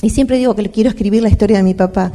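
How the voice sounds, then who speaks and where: Older woman, Argentine accent, mellow tone, devotional talk, storytelling, asks listeners to agree. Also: medium pitch, rapid-fire. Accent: Argentine Spanish. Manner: storytelling, often asks "¿no es cierto?". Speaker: speaker at a women's church meeting. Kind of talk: devotional talk with personal stories.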